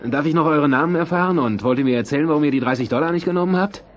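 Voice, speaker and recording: Guy acting a chatty nosy reporter, quick talker, bit high, polite, radio play. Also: natural voice. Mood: brisk, friendly. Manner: polite, inquisitive. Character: brisk, chatty male newspaper reporter. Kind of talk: German audio drama acting.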